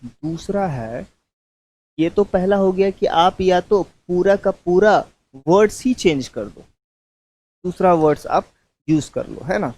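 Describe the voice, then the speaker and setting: Slow, deliberate male grammar teacher. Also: high-pitched, lively intonation, darkish tone, no echo, poor audio. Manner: slow, repetitive dictation, mixing English terms into Hindi; calls students "babu". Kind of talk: dictating a grammar lesson.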